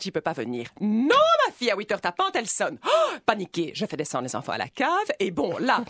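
A comedienne plays a prim, gossipy bourgeois housewife chattering down the phone, her husky voice leaping wildly up and down. The dry studio sound puts her right at the mic. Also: lowish voice, fairly bright tone, dry recording, voice pushed down, heavily acted. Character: snobbish chattering bourgeois housewife, middle-aged. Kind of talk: radio comedy sketch, phone monologue. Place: radio studio.

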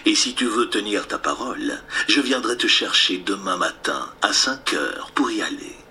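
A man voicing a sly, scheming big bad wolf in a storybook reading, speaking lower and drawing out his words. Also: animated, normal speed, sharp tone, a little hiss or hum, heavily acted. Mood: sly coaxing.

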